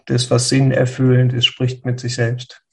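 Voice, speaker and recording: A man in a spiritual-teacher role takes a listener's question slowly and haltingly, pausing and starting over. His mid-range voice is completely flat, slightly rough, with vocal fry.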